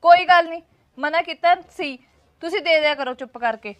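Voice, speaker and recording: A woman's voice: extremely high pitch, normal speed, a bit bright, lo-fi sound. A woman playing a stern grown daughter who scolds her brother and his wife for mistreating their father. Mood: scolding.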